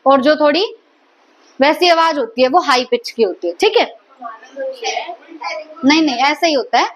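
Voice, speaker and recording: A woman's voice: sits high, expressive, normal speed. A woman teaching a biology lecture, repeatedly quizzing her students and echoing their answers. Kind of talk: classroom lecture.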